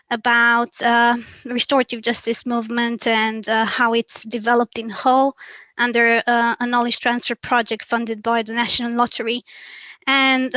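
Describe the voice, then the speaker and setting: A woman presents a webinar talk, her fairly high voice bright and held to a narrow, even tone. She sounds reflective and earnest, weighing each point as she goes, and the recording is dry and close. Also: no room sound. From Romania. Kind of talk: academic presentation.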